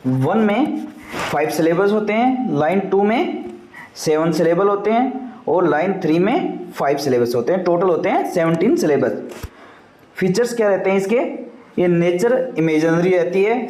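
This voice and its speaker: A man's voice: high voice, a little mellow, slight background noise. Man teaching in an echoey room. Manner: explains step by step, repeating key points. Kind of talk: exam revision lecture.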